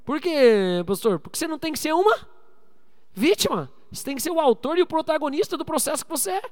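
A man with a strikingly high voice preaches to his church. He calls out for amens and swings from loud, pressing exhortation down to low, quiet asides. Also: expressive, quick pace, in a large hall. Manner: preaching with call-and-response to the congregation. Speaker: pastor. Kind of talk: sermon.

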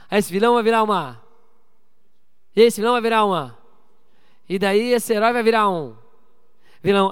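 High-voiced pastor preaching. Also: male voice, smooth, big-room sound. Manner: preaching with call-and-response to the congregation; swings between loud exhortation and low quiet asides. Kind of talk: sermon.

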